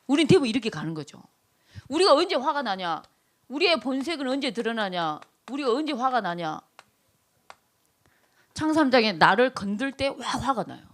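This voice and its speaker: Brief: middle-aged woman, pastor's wife giving a testimony, animated and a bit high-pitched, quick to laugh and act out others. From South Korea. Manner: lively storytelling, acts out quoted people, laughs often. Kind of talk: testimony talk at a training event.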